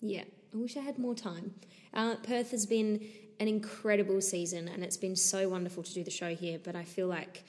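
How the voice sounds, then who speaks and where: A woman's voice: medium pitch, little pitch movement, moderate pace, darkish tone, in a large hall. A woman from northeast Scotland with a Scottish accent, chatting casually and giggling as a musical theatre performer being interviewed. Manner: chatty, giggly, says "to be honest" often.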